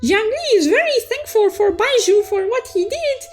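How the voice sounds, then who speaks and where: A woman with a very high voice plays a childlike, excitable cartoon unicorn, recapping a game story at a moderate pace. She's playful and cutesy, referring to herself in the third person and filling the animated retelling with exclamations and sound effects. Music plays in the background.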